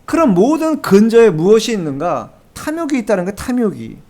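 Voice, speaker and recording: A male pastor delivers a Sunday sermon with a notably high voice. He drives his points home with rhetorical questions and repeated phrases, speaking to a congregation in a church. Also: sing-song, a little fast, a little mellow. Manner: emphatic, repeats key phrases. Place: church sanctuary.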